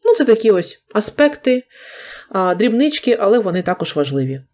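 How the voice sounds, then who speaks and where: A woman from Ukraine with a Ukrainian accent teaching an English grammar lesson on video, explaining rules patiently and slowing down to model English examples. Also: mid-range voice, big pitch swings, a little mellow.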